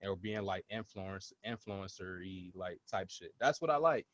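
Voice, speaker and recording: A man's voice: low-pitched, animated, normal speed, fairly bright tone, no echo. Twenties male host, blunt and profane, casual chat, muffled dry mic. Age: 20s. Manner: blunt, swears freely, emphatic repetitions. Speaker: podcast host. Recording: dull, dry lo-fi sound.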